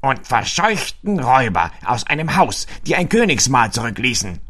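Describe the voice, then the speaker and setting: A cheerful pig in a storybook pitches his plan with a bright, keen voice, as a man puts him on. The pitch rises and swings widely, and the voice sounds a little distant from the mic. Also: big pitch swings, normal speed. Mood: eager. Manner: eager, persuasive. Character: scheming cheerful male pig.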